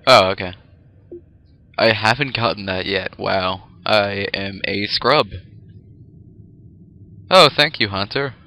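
Brief: young male gamer narrating play, jokey and crude, bright voice. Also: lowish voice, slow pace, long pauses. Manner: joking, profane, sarcastic. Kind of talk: gameplay commentary.

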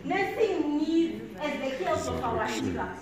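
Her voice sits high, animated and slow, with a crowd audible behind her. She's a South African woman in her twenties pacing a big indoor conference hall, gesturing through a motivational keynote full of emphatic, preacherly repetition. The handheld mic is heard from a distant camera, giving distant, echoey audio with background noise.

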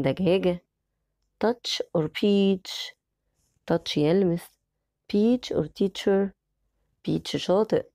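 A woman with an Egyptian Arabic accent teaching a children's English lesson. She draws out the English words slowly and rushes through her Arabic explanations. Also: lowish voice, gravelly, warm tone, no echo, clean studio sound. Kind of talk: bilingual classroom lesson.

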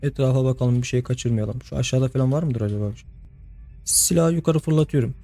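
A man's voice: medium pitch, brisk, warm tone, faint music behind. A young man giving casual let's-play commentary, chatting to the game's characters and laughing often. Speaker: gameplay host.

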